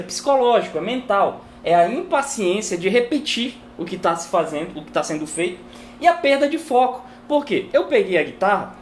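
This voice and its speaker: A woman's voice: on the high side, slight background noise. A woman teaching guitar in a casual video lesson, chatting and tagging her sentences with a questioning "né?" while she demonstrates on the guitar at home.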